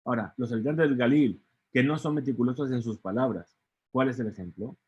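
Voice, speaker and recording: A man's voice: mid-range voice, brisk, slightly rough. A man teaching a Talmud study lesson who keeps asking "¿sí?" and trails off into hesitant fillers. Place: study hall. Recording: dull lo-fi recording.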